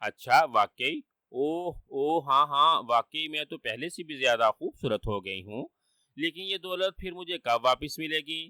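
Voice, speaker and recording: A man's voice: fairly high pitch, lively intonation, bright, forceful tone, dry recording. A man playing a frantic flustered wife. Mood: panicked. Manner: frantic, pleading. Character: panicky flustered young wife.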